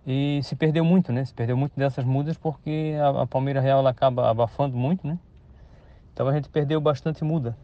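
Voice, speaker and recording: Here a man in his fifties, a farmer from Santa Catarina, Brazil, speaks a little fast in a mid-range voice with fairly even intonation. Interviewed on radio with dull, lo-fi sound, he tells his story casually, hesitantly, restarting often and using tag questions.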